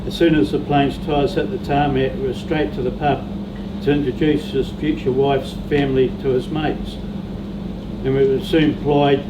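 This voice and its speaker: A man, the oldest brother-in-law, giving a steady and lightly humorous eulogy at a funeral. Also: mid-range voice. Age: older. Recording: roomy venue heard from a distance with background noise.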